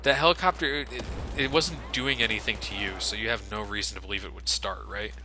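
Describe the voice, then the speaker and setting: Briskly and in a fairly low voice, a man riffs on the video game he's playing, cracking sarcastic jokes and swearing without restraint. The background is noisy, filled with the game's gunfire and ambience.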